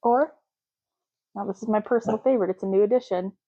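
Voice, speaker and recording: Her pitch sits in the middle range, and the sound is lo-fi. She speaks softly in an ASMR roleplay, keeping a slow, relaxed pace and deliberately repeating words.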